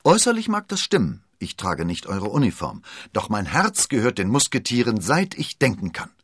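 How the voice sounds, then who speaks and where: A man voicing a cheeky yet earnest young swordsman, with raised, lively delivery. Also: lowish voice, normal speed, breathy edge, no echo, clean studio sound, pitched above the performer's own voice, heavily acted.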